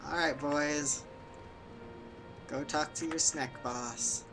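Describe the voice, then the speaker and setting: A man's voice: on the high side, steady tone, takes it slowly. A man giving casual gameplay commentary, musing aloud in a rambling way. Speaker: game streamer. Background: music.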